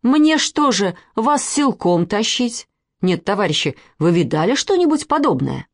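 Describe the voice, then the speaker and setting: A woman reading a storybook, voicing a strict father who scolds his daughters slowly and deliberately. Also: medium pitch, big pitch swings, no echo, studio quality. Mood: indignant. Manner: slow, threatening, deliberate.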